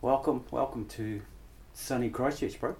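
A man hosts a casual radio show, speaking haltingly in short phrases with pauses. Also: medium pitch, a little mellow. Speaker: radio host.

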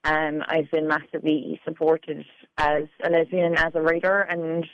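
A deep, monotone woman's voice at normal speed, with no echo and the highs cut off. She is a chatty poet from Cork, Ireland, leaning heavily on "like" and "you know" while being interviewed on radio.

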